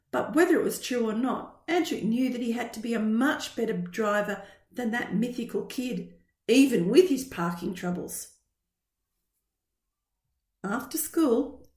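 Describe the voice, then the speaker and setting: A woman narrating a children's science-fiction story as an audiobook reading, with expressive, even storytelling. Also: on the high side. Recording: roomy echo.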